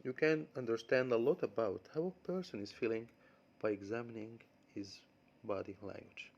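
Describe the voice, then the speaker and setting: Gravelly Egyptian man teaching vocabulary. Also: medium pitch, highs cut off. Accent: Egyptian Arabic. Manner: repeats key words slowly, then explains quickly in Arabic. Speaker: English teacher. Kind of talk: vocabulary lesson mixing English and Arabic.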